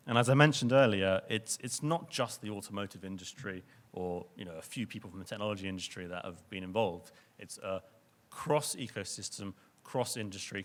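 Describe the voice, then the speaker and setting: A young man presents at a conference in a fairly low voice, speaking earnestly. He often backs up to repeat a word before pushing on. He sounds like he is addressing a room full of listeners. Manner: earnest, repeats words and restarts. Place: lecture venue with audience.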